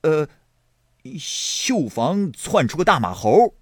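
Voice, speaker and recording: A man voicing a boorish, blustering rich young man who hems and pauses between words, in a story reading. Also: on the high side, sing-song, no echo, studio quality, voice pushed up, exaggerated voice. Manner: hemming with drawn-out pauses.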